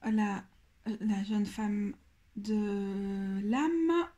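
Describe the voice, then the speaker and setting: Woman host reviewing a deck, mid-pitched, conversational, musing and halting. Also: animated, warm tone. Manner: thoughtful, hesitant, often pauses to search for words. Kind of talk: casual walkthrough of a card deck.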